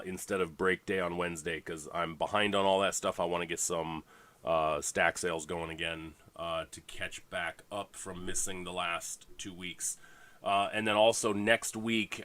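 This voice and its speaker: Male league host, congested, low-pitched, loose rambling livestream chat with fillers. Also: a bit bright. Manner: rambling, full of fillers and restarts.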